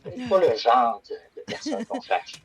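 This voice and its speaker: A man's voice: high voice, sing-song, unhurried, creaky, crowd noise. A man interviewing a candidate by phone, polite and hesitant with many fillers.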